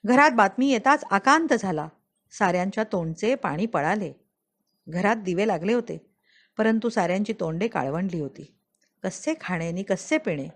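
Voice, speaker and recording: A woman narrating a memoir as an audiobook, telling it in a deliberate, dramatic storyteller's manner. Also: medium pitch. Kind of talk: expressive audiobook reading of a memoir.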